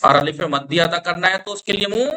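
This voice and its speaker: A man with a high, pushed and bright voice teaches a classroom lesson on Quran recitation. He patiently explains, sounds out the vowels himself, and frequently makes sure his students are keeping up.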